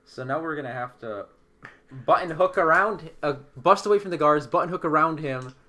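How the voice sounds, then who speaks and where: A man playing a tabletop role-playing game, planning his moves in a joking, profane, animated way. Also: on the high side, brisk. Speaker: player. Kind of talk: casual tabletop game play.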